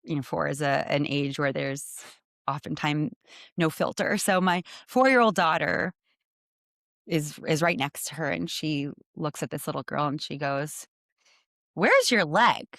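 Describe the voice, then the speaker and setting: A woman, a hospital medical director, speaking as a guest in a conversational storytelling way, reflective and measured with frequent pauses. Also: low-pitched, vocal fry, a bit bright, no echo, clean studio sound.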